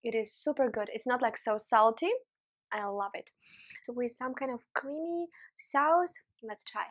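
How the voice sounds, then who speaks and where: A young woman talks at an unhurried pace as she samples dishes for her vlog. Her voice sits fairly high, and she keeps humming and praising the food with open enthusiasm. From Ukraine. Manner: enthusiastic, savoring food with many appreciative hums. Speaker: vlog host. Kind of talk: casual food-tasting vlog.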